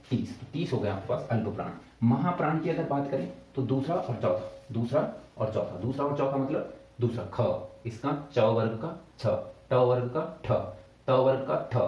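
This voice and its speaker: A man's voice: medium pitch, a little mellow, highs cut off. A male teacher explaining grammar step by step, often checking back with his students. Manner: explains step by step, repeating "ठीक है" and asking questions back. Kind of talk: exam-prep grammar lesson. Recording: echoey room, mic at a distance.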